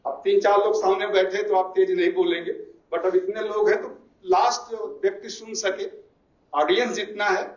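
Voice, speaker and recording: A man lecturing trainee teachers, explaining points and slowly repeating key English phrases. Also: high voice. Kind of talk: classroom lecture. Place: classroom. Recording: echoey, distant, dull classroom recording.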